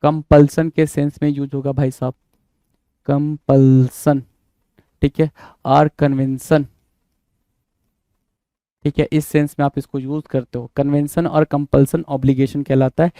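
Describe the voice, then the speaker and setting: An English vocabulary teacher, male, runs an exam-prep lesson in a dry, mellow voice that sits fairly high, with a level tone, normal speed and no echo. He drills words repetitively, spelling them out letter by letter and quizzing the viewer while mixing Hindi and English.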